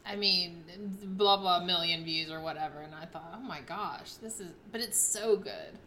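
A woman in her late thirties hosting a podcast, chatting casually and asking friendly questions with quick asides. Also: fairly low pitch, bright, forceful tone, slight background noise. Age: 30s. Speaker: podcast host. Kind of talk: casual interview chat.

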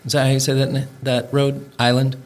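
A man's voice: medium pitch, completely flat delivery, a little fast. A man hosting a podcast, chatting casually and asking friendly, leading questions. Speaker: podcast host. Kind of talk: casual conversational interview.

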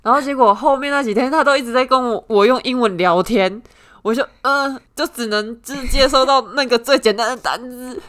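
A woman's voice: high voice, brisk, fairly bright tone. A young woman with a Taiwanese Mandarin accent, a podcast guest, answering modestly and laughing at herself in casual chat. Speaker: volleyball player guest.

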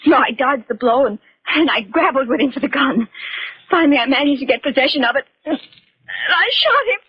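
An actress playing a scheming, desperate young murderess in a melodramatic, breathless 1940s radio mystery style. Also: female voice, high-pitched, expressive, normal speed, dry recording. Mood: hysterical. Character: scheming, desperate young murderess in hysterics, defiant when cornered. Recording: muffled 1940s radio recording.

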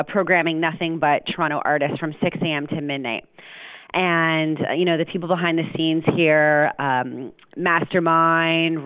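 A woman's voice: low-pitched, no room sound. A woman who directs programming at a radio station, answering interview questions in a chatty, enthusiastic way with many fillers. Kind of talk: interview guest. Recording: dry, tinny phone line.

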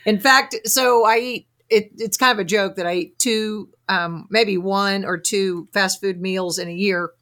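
A podcast host and fasting coach with a Southern accent from Arkansas runs a casual interview, chatty, effusive, and full of anecdotes. Her mid-range voice is fairly bright and even in intonation, a little slow, with hardly any pauses.

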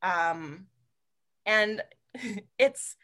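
A woman guest on an interview podcast, telling lively stories, swearing freely and laughing often. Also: mid-range voice, drawn-out words. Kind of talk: casual interview chat.

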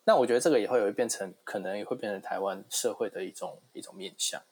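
Taiwanese mandarin guy, kinda husky, chatting casually and tossing in english words. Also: fairly low pitch, fast talker, darkish tone. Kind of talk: casual group discussion.

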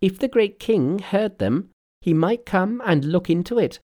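A man voicing a bossy, cheeky trickster monkey in a storybook reading, brisk and commanding. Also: high voice, expressive, mellow, voice pushed up. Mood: scheming.

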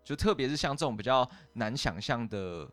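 A man's voice: mid-range voice, lively intonation, normal speed, a bit bright. A young man with a Taiwanese Mandarin accent, co-hosting a podcast and explaining English grammar step by step in a chatty way. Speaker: podcast co-host teaching English.

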